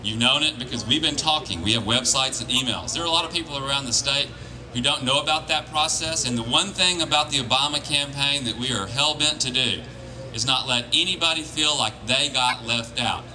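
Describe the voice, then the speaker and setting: A plain-spoken man giving an informal political speech as a campaign organiser, with halting restarts. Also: medium pitch. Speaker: campaign organiser addressing volunteers. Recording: crowd noise behind live speech. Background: crowd.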